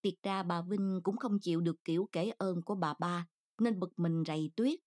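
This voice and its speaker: Female audiobook narrator, steady storytelling. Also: lowish voice, moderate pace. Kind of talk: scripted narration.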